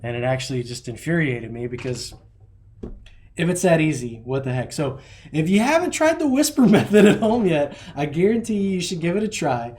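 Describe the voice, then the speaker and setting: A man in his thirties, a podcast host telling rambling, animated stories about his kids and laughing at them. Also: on the high side, fairly quick. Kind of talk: casual chat.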